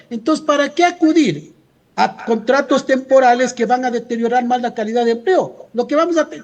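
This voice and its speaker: A man with an Ecuadorian accent and a very high-pitched voice, giving an argumentative interview as a labour leader. He speaks insistently, driving points home with rhetorical questions that he answers himself. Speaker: trade union leader being interviewed. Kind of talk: radio interview, argumentative commentary.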